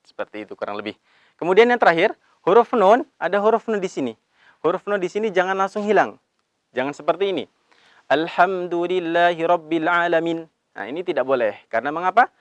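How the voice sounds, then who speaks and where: A man teaching Quran recitation, explaining letters patiently and drawing out the recited verses slowly. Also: high-pitched, sing-song, no echo. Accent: Indonesian. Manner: slow drawn-out recitation of verses between brisk explanations; calls himself Abi, patient instructive tone. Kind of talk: recitation lesson with chanted examples.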